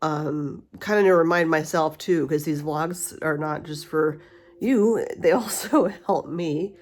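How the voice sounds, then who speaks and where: A woman's voice: sits low, measured pace. A middle-aged woman with a slight lisp from wearing a retainer, chatting candidly and ramblingly in a casual personal vlog. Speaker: vlogger. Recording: steady humidifier hiss and faint spa music. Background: cool mist humidifier, soft spa music.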